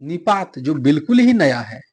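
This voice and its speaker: A middle-aged male teacher with a husky, slightly high voice. He explains grammar patiently, asks a question and then answers it himself, and works through spoken examples. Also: big pitch swings, normal speed, a little mellow. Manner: asks viewers to subscribe and comment. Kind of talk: Hindi grammar lesson for exam prep.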